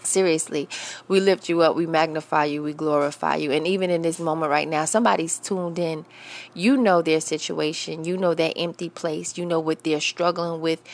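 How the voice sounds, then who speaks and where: Gravelly-voiced, upbeat woman radio host. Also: sits low. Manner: lively, playful, and prone to laughing.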